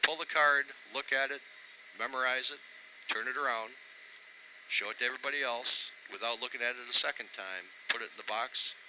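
Male chamber instructor, medium pitch, briefing and coaching trainees through noticeable noise. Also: fairly quick. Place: small altitude chamber. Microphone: intercom. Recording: clear steady background noise.

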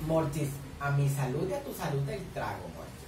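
Very animated and moving at a moderate pace, this fairly high-pitched man reacts to a series with shrill theatrics and keeps using a pet name for his audience. A camera mic set far off captures him in a reverberant room with noisy surroundings.

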